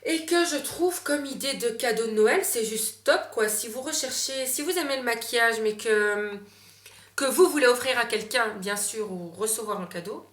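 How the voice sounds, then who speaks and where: A young woman talks through gift ideas in a casual vlog, full of fillers and restarts. Her voice is bright and a little higher than usual. The room around her gives a clear echo. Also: moderate pace. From Belgium. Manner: chatty, many fillers and self-corrections. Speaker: beauty vlogger.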